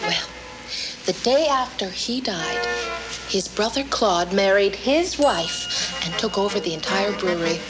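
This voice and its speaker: A polite, formal receptionist, played by a woman with a middle-pitched voice. Loud music score plays beneath her lines. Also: expressive, unhurried, natural voice, rough recording. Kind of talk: film comedy dialogue.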